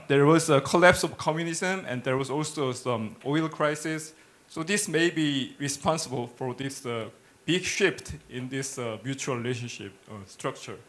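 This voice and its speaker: A middle-aged man with a Korean accent gives a technical lecture in a halting manner, often repeating words as he searches for phrasing. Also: a little high, a bit bright. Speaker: academic researcher presenting a lecture. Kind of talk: technical conference lecture with slides. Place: indoor lecture hall, speaking at a podium.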